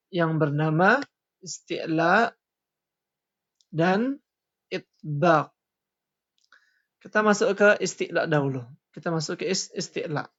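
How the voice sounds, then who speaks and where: Man, tajwid teacher, loud letter demonstrations, soft explanations, lo-fi sound. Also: fairly high pitch. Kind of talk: recorded lesson on Quran recitation. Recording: dull lo-fi recording.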